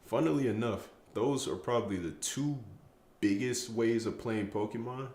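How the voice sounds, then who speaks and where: A man's voice: medium pitch, moderate pace, darkish tone, reverberant. A tired young man chatting casually on a late-night stream, rambling and stumbling over his words, with self-mocking trash talk. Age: young adult. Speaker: streamer answering chat.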